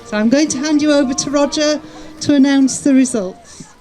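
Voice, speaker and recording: A woman giving a formal public speech as mayor, in a measured and courteous way. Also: high-pitched, dark tone.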